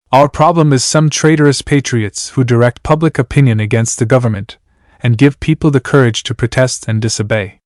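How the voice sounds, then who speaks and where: A man's voice: medium pitch, a little mellow, no room sound. Male narrator, mid-range voice, dry booth sound, reads every character plainly. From Iran. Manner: reads all characters in the same voice, announcing speaker names. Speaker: narrator reading his novel. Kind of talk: flat audiobook narration.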